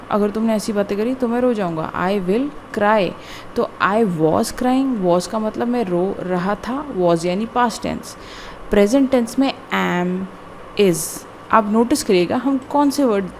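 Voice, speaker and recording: Slow, deliberate woman teaching grammar. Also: mid-range voice, a little mellow, slight background noise. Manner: slow, deliberate word-by-word explanation with repetition. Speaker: English teacher. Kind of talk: classroom-style grammar lesson.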